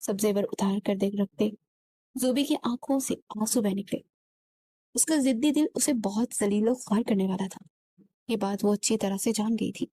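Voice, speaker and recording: A woman narrating a romance novel in a steady storytelling reading. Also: medium pitch, moderate pace, no room sound. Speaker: audiobook narrator.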